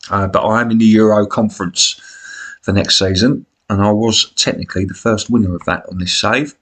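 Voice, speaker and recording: British man with a smoker's rasp. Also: fairly low pitch, steady tone, brisk, fairly bright tone. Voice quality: smoker's rasp with a recurring cough. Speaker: gaming live streamer. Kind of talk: casual live-stream commentary on a football management game.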